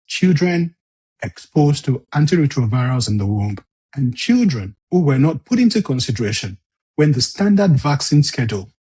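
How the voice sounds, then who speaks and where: A man hosting a podcast speaks in a husky, breathy voice. His delivery is measured and deliberate, and his pitch sits in an ordinary middle range. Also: a little mellow. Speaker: podcast host. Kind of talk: interview with scripted intro narration.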